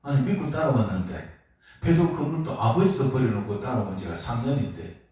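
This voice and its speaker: A man's voice: medium pitch, a little fast. A man preaching a sermon as pastor, asking his congregation questions as he goes. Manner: lively, asks the congregation questions. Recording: echoey hall, mic far off.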